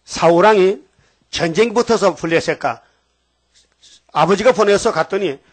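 A male pastor giving a sermon, folksy and animated, acting out story voices and calling out to the congregation. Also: high voice, breathy edge. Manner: animated storytelling preacher, acts out biblical voices.

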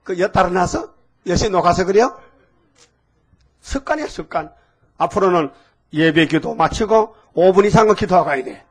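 A man's voice: high-pitched, brisk, breathy edge. An older man with a preaching a folksy, scolding sermon and asking the congregation questions. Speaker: pastor.

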